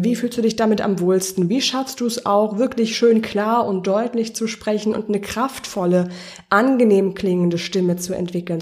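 A female voice coach talks one-to-one with her listener in a podcast lesson. She explains her points patiently and keeps asking guiding questions. Her pitch sits in the middle range for a woman. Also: a little mellow. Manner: encouraging, addresses the listener directly.

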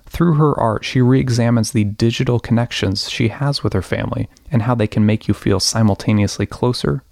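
A man's voice: medium pitch, brisk, creaky, darkish tone, no echo, clean studio sound. A man who produces and co-hosts a podcast, reading script with casual, wry asides.

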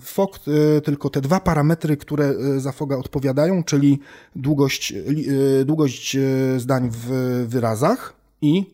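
Dark-voiced man explaining casually. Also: medium pitch, unhurried. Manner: explains with homely examples, thinks aloud with fillers. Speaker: language researcher guest. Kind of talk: casual expert conversation.

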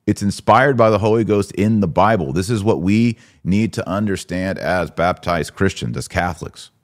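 A man with a deep voice and a moderate pace hosts a podcast, offering religious commentary. He keeps it casual and conversational but comes across emphatic and indignant.

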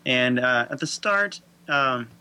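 Bright-voiced man walking through a chart. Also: mid-range voice, expressive, slow pace, clean tone. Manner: walks through material step by step, lightly joking. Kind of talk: casual explanatory chat.

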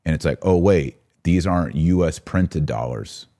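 Warm and deep, the voice of an American man comes at a moderate pace as he runs a live-stream. He's a podcast host and religious commentator who answers comments conversationally, shares opinions, and throws out rhetorical questions.

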